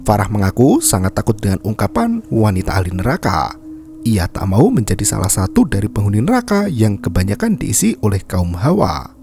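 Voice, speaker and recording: A man narrating a film recap in a dark, mellow voice that swings widely in pitch. His delivery is scripted and dramatic, and faint background noise sits under the voice.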